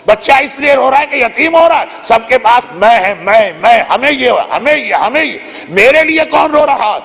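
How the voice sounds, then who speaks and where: A dying young man pours out a reproachful, pleading lament in a strikingly high voice, put on by a preacher. The sound rings with a long hall reverb. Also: fairly bright tone, heavily acted.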